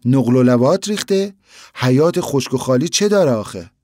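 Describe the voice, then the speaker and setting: A man's voice: mid-range voice, expressive, mellow, no echo, studio quality, lightly acted. A man reading the lines of a worried, fretful old grandmother who scolds and exclaims. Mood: puzzled.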